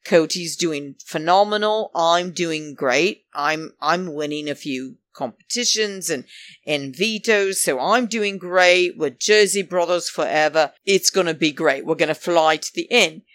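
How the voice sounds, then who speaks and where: A woman's voice: lowish voice, no echo. A woman chatting casually about a show, rambling and calling her listeners darlings, acting out what others said. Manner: acts out quoted speech. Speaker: reality show commentator. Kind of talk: casual chat.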